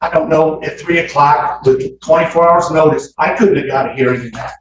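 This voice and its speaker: A male defense attorney argues quickly and insistently before the bench, his voice slightly high for a man. The courtroom recording is very echoey and distant from the mic, with a faint hiss underneath. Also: fairly even intonation. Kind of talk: courtroom argument.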